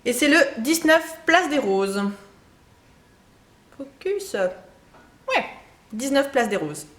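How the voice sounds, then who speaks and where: A woman's voice: sits high, very animated, extremely slow, echoey room. A woman giving casual beauty tips to her camera, chatty, with many fillers and frequent laughs. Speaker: beauty vlogger.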